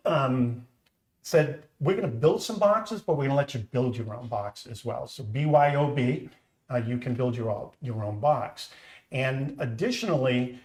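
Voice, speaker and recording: In an echoey home kitchen, a middle-aged man with a Boston accent who founded a company hosts a casual live stream, recounting his story in a friendly, earnest manner. His medium-pitched voice is a little mellow.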